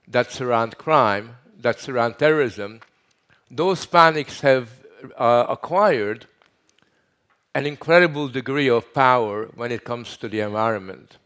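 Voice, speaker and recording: An older man from Hungary speaking at a conference lectern on a headset mic, emphatic, building lists with pauses. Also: medium pitch, fairly bright tone. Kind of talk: welcome speech at a conference.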